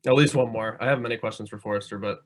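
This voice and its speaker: A man's voice: lowish voice, very fast. Laid-back Minnesota-accented guy hosting. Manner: rambling, profane, laughs easily. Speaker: podcast host. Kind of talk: casual podcast chat. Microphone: video call.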